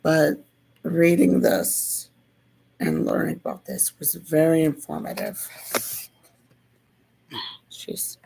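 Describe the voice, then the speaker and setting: A hoarse speaker who is losing their voice, giving a casual, slow and thoughtful civics explanation that circles back over its points. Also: mid-range voice, flat delivery, dark tone, a little hiss or hum, poor audio.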